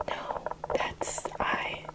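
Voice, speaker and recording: A woman doing a whispered ASMR roleplay, speaking to the listener as a caring friend in a soft, unvoiced whisper. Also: drawn-out words, rough recording. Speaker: ASMR creator.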